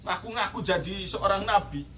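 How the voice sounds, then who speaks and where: A man with a Javanese accent teaches from a classical Islamic text in the traditional pesantren way, reading the Arabic and then glossing it word by word before explaining. His voice sits a little high and comes across bright and ringing. He sounds set back from the microphone, with birds faintly audible in the background. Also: normal speed, distant mic, a little hiss or hum.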